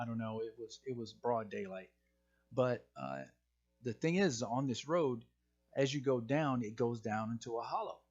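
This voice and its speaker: A man's voice: medium pitch, breathy edge, highs cut off. A man casually telling his own eerie encounter in the woods, hesitant and often repeating himself as he goes. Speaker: channel host sharing his own encounters. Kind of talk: casual spoken storytelling.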